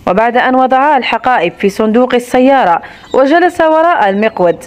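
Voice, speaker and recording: A woman narrating a romance novel as an audiobook, in a measured, expressive reading. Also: on the high side.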